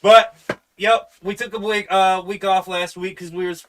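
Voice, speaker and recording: A man's voice: high voice, fairly even intonation, normal speed, a bit bright. A young man co-hosting a casual podcast, cursing freely and joking through the banter. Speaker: co-host.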